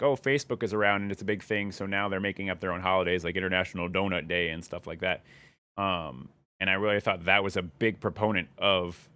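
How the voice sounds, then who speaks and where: Low-voiced rambling young male streamer. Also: fairly bright tone, no room sound. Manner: rambling, curious, thinks aloud. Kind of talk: casual live-stream chat.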